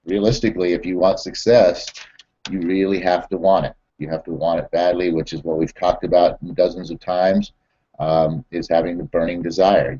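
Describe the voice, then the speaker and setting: A man who trains network marketers, telling stories and recapping a lesson in a halting way full of fillers and repeated words. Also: low-pitched, dark tone, slightly rough, lo-fi sound. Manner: repetitive, halting, many fillers and restarts. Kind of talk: storytelling and motivational training recap.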